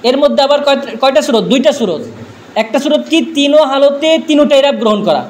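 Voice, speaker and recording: High-voiced man drilling a class. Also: lively intonation, a little fast. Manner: drilling with repeated questions. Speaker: teacher. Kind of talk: classroom grammar lesson.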